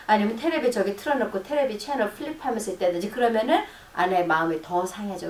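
In what sounds like a radio talk, a middle-aged woman who works as a counseling psychologist explains her advice. Now and then she voices example dialogue softly and in a lower register. The recording feels distant and roomy, carrying a faint noise.

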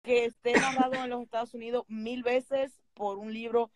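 Lively high-voiced Dominican woman. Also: normal speed, no room sound. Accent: Dominican Spanish. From Dominican Republic. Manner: animated, gushing, slips into English phrases. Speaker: book channel host. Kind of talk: casual chat.

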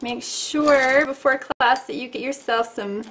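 A middle-aged woman talks through a loose sketch as she draws, chatty and playful with her viewers. Her voice sits a touch high. A faint hiss sits under the recording. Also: a little slow, fairly bright tone. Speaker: art teacher. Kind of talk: casual drawing tutorial. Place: at a drawing desk indoors.

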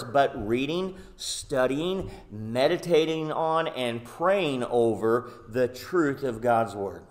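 A man who is a pastor, preaching an earnest, emphatic sermon in a church and often filling pauses with "uh" and "um". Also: medium pitch. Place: church sanctuary.

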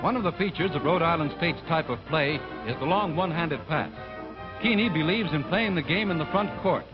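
A man narrates in a formal announcer style, in the manner of an old 1940s newsreel. His voice sits a little high for a man and comes through a dull, lo-fi film soundtrack. A loud music score plays under him the whole time. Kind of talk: scripted sports newsreel narration.

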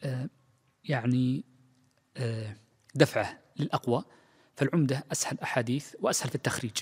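A man's voice: mid-range voice, fairly quick, husky. A middle-aged man, a sheikh, giving a spoken lecture on Islamic jurisprudence, thinking aloud with many fillers and restarts. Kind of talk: mosque lecture, spoken freely. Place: large mosque. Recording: long reverb of a large mosque.

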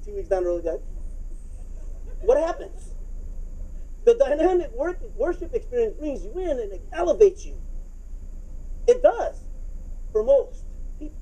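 A middle-aged male pastor delivers a sermon in a very dark, husky voice. He sounds wired and excitable, as if on too much caffeine. His delivery is conversational, and he repeats phrases to press his point. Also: high-pitched, low-quality recording. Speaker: pastor preaching. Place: church auditorium, speaking from the stage to a congregation.

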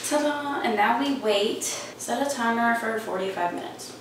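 A woman's voice: a little high, moderate pace. A young woman chatting casually in her home kitchen while cooking, rambling with lots of "like". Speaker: vlogger. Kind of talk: casual cooking vlog chat. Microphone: camera across the kitchen. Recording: roomy, distant kitchen audio with noise.

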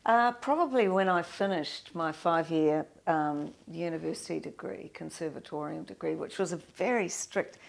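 Being interviewed in an indoor studio lined with framed awards, a guest musician, an older New Zealand woman, speaks in a lowish, gravelly voice. She talks at normal speed with hardly any pauses. Her reflective answers are full of restarts and fillers.

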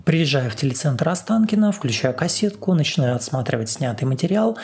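A man's voice: on the high side, sing-song, fairly quick, a little mellow. A former TV reporter, a man, narrates a story in a sarcastic monologue.

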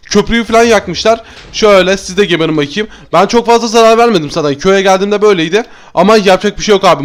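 Fast, excitable gaming YouTuber man. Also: sits high. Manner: excitable, chatty, talks to viewers as friends. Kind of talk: Minecraft gameplay commentary.

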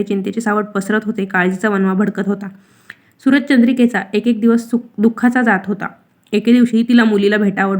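A woman with a Marathi accent reading a devotional story in a steady, expressive way. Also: mid-range voice.

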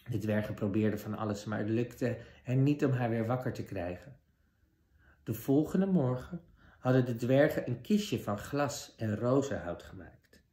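A man reading a children's fairy tale aloud with expressive narration. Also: medium pitch. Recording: roomy echo.

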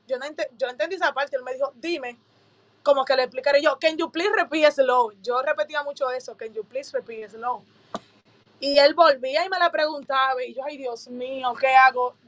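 A woman's voice: high-pitched, fairly bright tone. A young woman casually retelling a story, acting out both sides of the dialogue with lots of fillers. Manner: chatty, with many fillers. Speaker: applicant recounting her citizenship interview.

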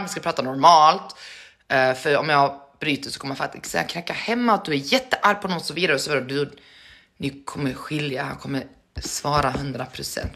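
A woman's voice: sits low, pushed and bright. A woman chatting casually to her live-stream viewers between prank calls, joking and laughing at herself. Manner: chatty, self-mocking, laughs often.

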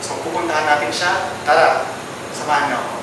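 Hosting a casual challenge vlog aboard a ship, this man in his twenties with a Filipino accent talks quickly in a slightly high voice with little pitch movement. A camera a few feet off picks him up among cabins and corridors, giving echoey, distant sound and background noise.

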